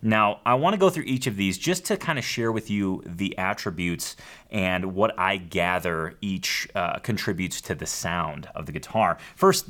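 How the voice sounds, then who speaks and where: A man hosting a podcast about acoustic guitars, upbeat and excitable, with jokes at his own expense. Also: low voice. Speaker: podcast host. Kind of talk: enthusiastic show hosting.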